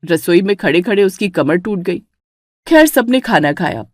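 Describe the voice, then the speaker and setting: A woman narrating a cartoon story in an even storytelling manner. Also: lowish voice, normal speed, dry recording, studio quality.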